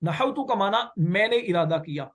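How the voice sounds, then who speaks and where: A man's voice: sits high, lively intonation, normal speed, fairly bright tone. A man teaching Arabic grammar in a classroom lecture, explaining patiently, repeating key phrases and asking and answering his own questions.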